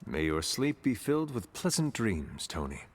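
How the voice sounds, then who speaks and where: An actor playing a formal, stoic warrior hero in a game, speaking with measured, old-fashioned courtesy. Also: male voice, on the low side, very animated, slightly rough. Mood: reserved. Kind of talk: game character dialogue.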